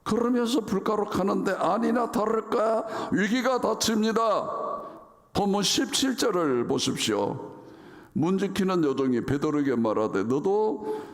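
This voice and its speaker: A man's voice: sits high, lively intonation, unhurried, vocal fry. A man preaching a sermon as pastor in a church, reading scripture dramatically and acting out the quoted lines. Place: church sanctuary. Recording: reverberant church sanctuary.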